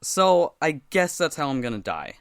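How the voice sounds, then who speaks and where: A young man narrating his own animated story with deadpan, self-mocking humor that rises into excited outbursts. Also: fairly high pitch, moderate pace, no echo, clean studio sound.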